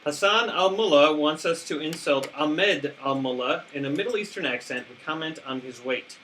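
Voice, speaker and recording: A man with a bright, slightly high voice banters on a live show, quick with jokes and short interjections. A faint room noise stays underneath him. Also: poor audio. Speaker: co-host. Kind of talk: casual live-stream banter.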